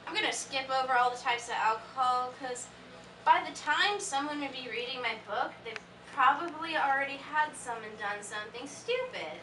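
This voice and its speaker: A woman's voice: sits high, moderate pace, pushed and bright. A woman playing a giggly, tipsy teenage girl. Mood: breezy. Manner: breezy, rambling, giggly. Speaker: convention panel performer. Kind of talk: live comedic stage monologue. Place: convention panel room before a laughing audience. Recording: echoey room from far off, noisy.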